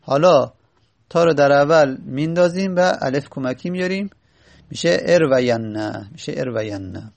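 A man teaching a grammar lesson, slowly repeating and sounding out word forms and correcting himself as he goes. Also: on the high side, animated, creaky, darkish tone.

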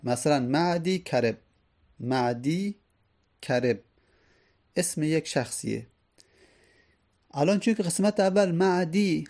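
Gravelly-voiced man teaching a grammar lesson. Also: fairly high pitch, a little mellow. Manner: explains patiently with repeated examples.

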